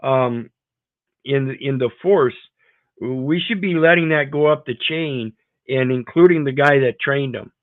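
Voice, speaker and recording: A man's voice: mid-range voice, dry recording. Blunt man on a phone-like line. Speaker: panel host. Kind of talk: informal panel discussion. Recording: narrow phone-like line, dry.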